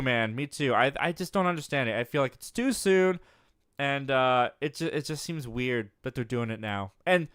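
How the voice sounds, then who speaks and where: A man's voice: medium pitch, fairly bright tone, clear, resonant tone, no room sound, clean studio sound. A man in his twenties hosting a live movie show, chatting casually as he reads viewer comments and often laughing at his own jokes. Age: 20s.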